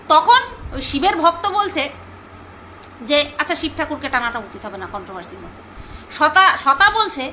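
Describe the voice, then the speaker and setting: Bright high-voiced chatty woman. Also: a little hiss or hum, poor audio. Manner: chatty, gossipy, searches for names aloud. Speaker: vlogger reviewing a serial. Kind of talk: casual chat to viewers.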